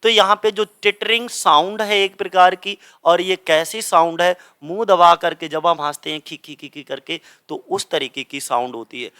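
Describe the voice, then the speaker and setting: A man's voice: sits high, moderate pace, few pauses, bright, forceful tone, smooth. A young adult man teaching English literature, explaining step by step and asking and answering his own questions. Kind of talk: classroom explanation of grammar.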